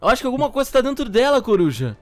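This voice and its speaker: Fast, excitable young male gamer. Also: extremely high pitch, faint music behind. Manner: animated, exclaiming, joking with co-player. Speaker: gaming channel host. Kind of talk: excited gameplay chat.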